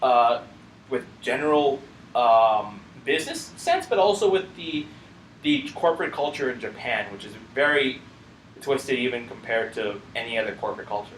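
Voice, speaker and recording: A man's voice: medium pitch, lively intonation, normal speed, reverberant, slight background noise, low-quality recording. A man co-hosting a casual gaming podcast, speculating aloud with frequent restarts and slips of the tongue. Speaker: podcast co-host.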